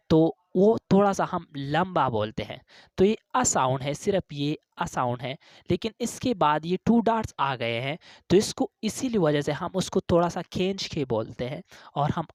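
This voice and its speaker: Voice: medium pitch, no room sound, studio quality. An English teacher explaining phonetic symbols, who ends nearly every phrase with "okay", draws out hesitant fillers, and repeats each sound and example word several times.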